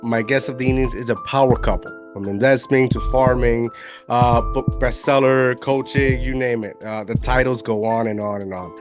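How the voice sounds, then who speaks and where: A man's voice: medium pitch, steady tone, moderate pace, over music. A man from Puerto Rico hosting a podcast interview, enthusiastic and often restarting his sentences. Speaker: podcast host. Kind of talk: casual interview chat.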